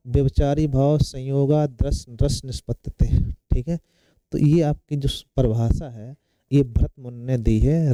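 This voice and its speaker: Man, very dark mellow voice, dry close sound, quizzes then answers himself, exam-prep lesson. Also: medium pitch, no room sound, low-quality recording. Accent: Hindi. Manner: asks a question then answers it himself, repeating key words. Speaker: teacher. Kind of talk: exam-prep Hindi lecture.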